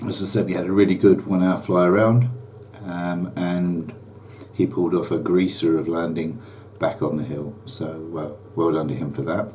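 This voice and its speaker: A man's voice: deep voice, normal speed, noisy background. An older man, a hobby pilot, talking casually to camera about his flying and his videos, with frequent ums and uhs. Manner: relaxed and chatty, with many ums and uhs. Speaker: private pilot vlogger. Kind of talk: casual vlog chat.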